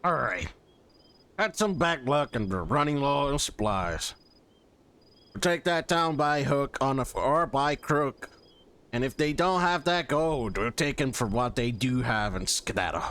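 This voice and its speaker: A man's voice: medium pitch, expressive, measured pace, a bit bright. A man doing a drawling cowboy outlaw boss. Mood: scheming. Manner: drawling, skeptical cowboy talk.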